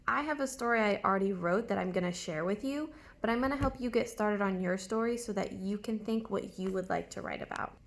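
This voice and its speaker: An early elementary teacher with a creaky, mid-range voice leads young children through a writing lesson. She guides them step by step, asking questions and spelling words out.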